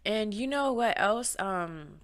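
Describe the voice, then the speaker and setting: A woman's voice: mid-range voice, animated, slow pace. A young woman hosting a casual podcast, bubbly and laughing often between her sentences. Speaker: podcast host.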